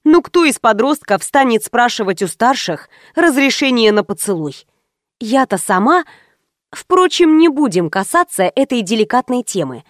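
A woman reads a comic first-person novel aloud in an ironic, chatty way. Her voice is high and very lively in pitch. The recording is dry and close. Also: dry recording. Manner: ironic, chatty, addressing listeners. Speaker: audiobook narrator.

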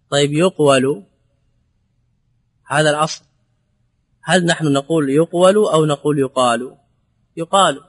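A man with a slightly raised pitch gives a patient grammar lesson. He walks through each rule step by step, repeats the example words several times and poses questions to the class before answering them himself. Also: a bit bright. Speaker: Arabic grammar teacher.

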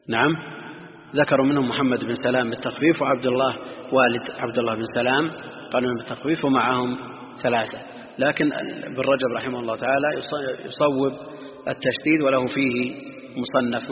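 A man gives a lecture on hadith books in a large reverberant hall, his voice carrying a long tail of echo. He speaks in a measured, scholarly way with long pauses between phrases, and the recording sounds muffled and lo-fi. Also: mid-range voice, a little hiss or hum. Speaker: Islamic scholar teaching hadith commentary.

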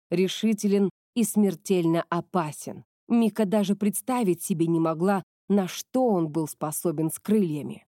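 A woman reads an audiobook in a steady, even storytelling manner. Her voice is mellow and darkish at an ordinary middle pitch. The recording is close and dry, with no room sound. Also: no echo. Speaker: narrator. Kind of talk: audiobook narration of a fantasy novel.

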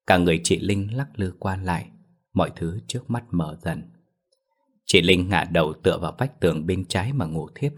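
Deep-voiced man narrating a ghost story. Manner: measured, dramatic.

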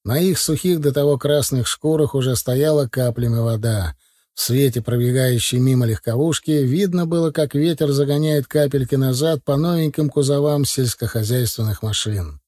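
A man's voice: mid-range voice, moderate pace, mellow, dry recording. A man narrating a novel in the first person, reading steadily on a close mic. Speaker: audiobook narrator.

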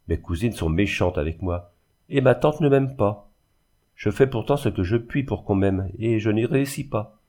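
A man's voice: lowish voice, dark tone. A man reading aloud and voicing a proud, unhappy young orphan girl who pleads earnestly. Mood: distressed.

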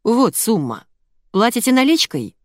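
A woman reader puts on a prim pharmacist who takes offense easily. She speaks slowly and plaintively, with a lively pitch, in a close, dry reading. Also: dry recording.

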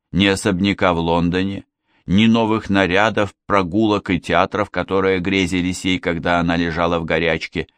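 A man reading a novel aloud as audiobook narration, in a measured, expressive storytelling manner. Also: low voice, clean tone, dry recording, studio quality. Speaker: audiobook reader. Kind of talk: scripted narration.

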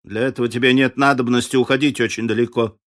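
A man's voice: mid-range voice, fairly even intonation, quick pace, natural voice. A man voicing a wary, practical trapper who speaks in a dry, matter-of-fact way in an audiobook. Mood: warning. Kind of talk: audiobook character voice.

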